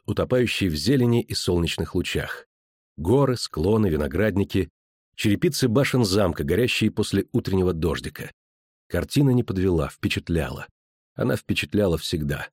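Low-voiced male audiobook narrator. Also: expressive, brisk, a little mellow, breathy edge, dry recording, clean studio sound. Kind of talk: scripted narration.

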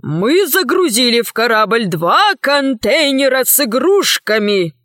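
Woman doing a slow stern fat old father. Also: fairly high pitch, sing-song, a bit bright, no room sound, studio quality. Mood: reproachful.

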